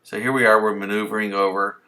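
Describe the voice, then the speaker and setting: A man's voice: lowish voice, level tone, fast talker, bright, forceful tone. A man who is a student pilot, casually explaining his flight in a voice-over. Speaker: student pilot, vlog host.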